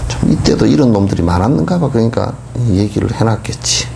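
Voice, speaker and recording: A middle-aged man, a Buddhist monk, giving a dharma lecture in a colloquial, mocking way with lively asides. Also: lowish voice, fast, creaky, background noise.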